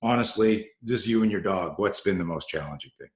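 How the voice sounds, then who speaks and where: A man's voice: low-pitched, fairly quick. A male podcast host asking questions in a laid-back, rambling way. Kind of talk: casual interview questions. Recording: echoey room.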